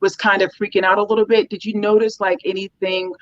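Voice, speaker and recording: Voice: medium pitch, little pitch movement, fast, a bit bright. Chatty dog trainer on a dull recording. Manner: loose, with many "um"s and "you know"s. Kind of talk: casual explanatory interview talk. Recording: dull, slightly lo-fi sound.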